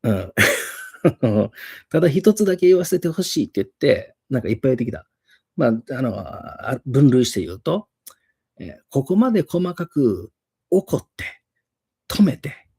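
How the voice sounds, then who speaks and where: Husky Osaka-dialect man, lively delivery. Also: mid-range voice. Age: middle-aged. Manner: chuckles often, animated retelling. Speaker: English teacher. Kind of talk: casual storytelling monologue.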